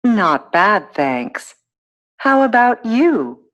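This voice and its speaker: A woman playing a polite female teacher in a scripted textbook dialogue, speaking clearly and deliberately. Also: mid-range voice, very animated, highs cut off.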